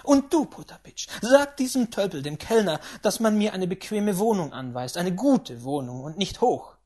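A woman voicing a rich, imperious 75-year-old great-aunt who shouts orders and quarrels with everyone. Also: mid-range voice, big pitch swings, moderate pace. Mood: commanding. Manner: loud, commanding, quarrelsome.

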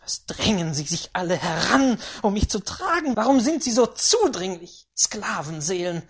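A woman voicing a rich, imperious 75-year-old great-aunt who shouts orders and quarrels with everyone. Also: medium pitch, very animated, normal speed, breathy edge. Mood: commanding. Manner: loud, commanding, quarrelsome.

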